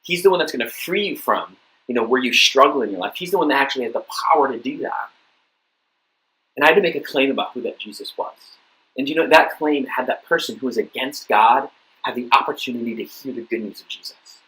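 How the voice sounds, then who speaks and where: Man, youth pastor, casual sermon, rambling storyteller, mid-pitched voice. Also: fast talker, bright, forceful tone, rough recording. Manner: casual storytelling, many fillers and repeated words.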